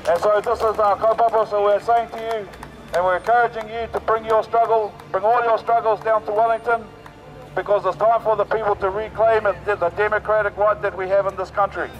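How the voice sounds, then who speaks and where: A hoarse New man gives an outdoor rally speech through a megaphone on a city street as a protest march speaker. His voice sits high with a level tone and brisk pace, rousing and repetitive with fillers. The sound is lo-fi.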